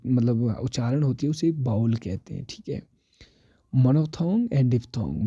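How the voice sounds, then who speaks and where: A man's voice: mid-range voice, warm tone, husky, no echo. A man teaching an exam prep lesson, mixing English terms into his explanations and repeating the key answers.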